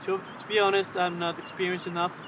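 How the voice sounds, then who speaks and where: A vlogger in his twenties chats casually in a slightly high, fairly monotone voice, halting and searching for words. He is outdoors on a riverbank beneath a road bridge, recorded on his camera's built-in mic held at arm's length, with clear traffic and ambient noise behind him.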